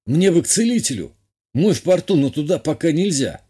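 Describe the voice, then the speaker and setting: A man's voice: on the high side, very animated, brisk, warm tone, slightly rough, pitched above the performer's own voice. A man voicing a wounded, irritable former galley captain in a fantasy audiobook, speaking in a strained, curt way.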